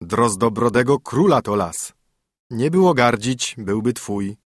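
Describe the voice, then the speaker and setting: A man's voice: medium pitch, expressive, a little slow, no room sound, clean studio sound. A man voicing a poor wandering minstrel in a storybook reading, with a sly, chanting delivery. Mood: teasing.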